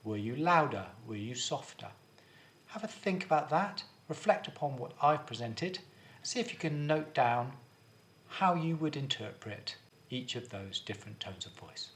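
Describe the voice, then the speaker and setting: A male drama teacher giving a video lesson, explaining things clearly and guiding students step by step. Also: mid-range voice, very animated, measured pace, fairly bright tone.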